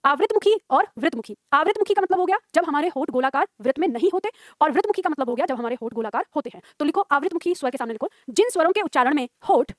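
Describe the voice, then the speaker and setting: A woman's voice: high voice, expressive, dry recording, studio quality. A woman teaching a Hindi grammar class. She dictates notes, repeats each line and quizzes her students. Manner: dictates slowly, repeats phrases, questions students.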